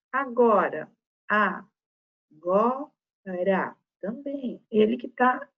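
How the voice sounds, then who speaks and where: A woman's voice: on the high side, breathy edge, highs cut off. A woman teaching young children a remote lesson, sounding out words syllable by syllable and checking in with "tá?" after each point. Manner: slow, syllable-by-syllable dictation with frequent "tá?" checks. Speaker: primary school teacher.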